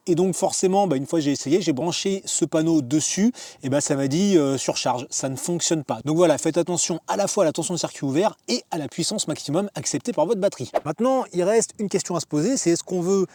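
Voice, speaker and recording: A man's voice: on the high side, warm tone, dry recording. Chatty man explaining casually. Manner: chatty, joking, many fillers. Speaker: van life vlogger.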